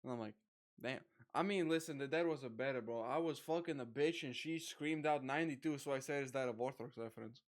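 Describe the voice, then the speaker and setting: A young man hosting a casual online chat, rambling with lots of fillers and quick laughs. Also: medium pitch. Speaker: podcast host.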